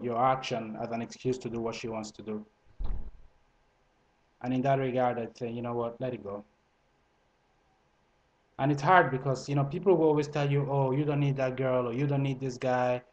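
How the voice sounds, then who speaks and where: A man's voice: medium pitch, rough recording. Man with a mixed Italian-French accent. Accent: multilingual, Italian and French mixed into English. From Italy. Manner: conversational, frequent fillers and restarts. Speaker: vlogger. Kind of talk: casual advice monologue to camera.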